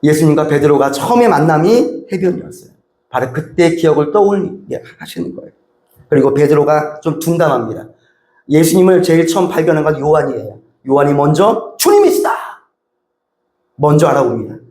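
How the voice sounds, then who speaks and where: A man's voice: fairly high pitch, a little fast, darkish tone. A male pastor preaching a sermon in a church, speaking emphatically and asking the congregation many rhetorical questions. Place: church sanctuary. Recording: roomy church echo.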